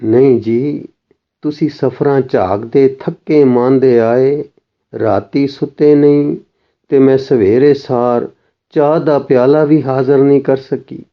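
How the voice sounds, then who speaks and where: A man's voice: medium pitch, steady tone, takes it slowly, dull audio, lightly acted. A man reading a remorseful devoted young woman.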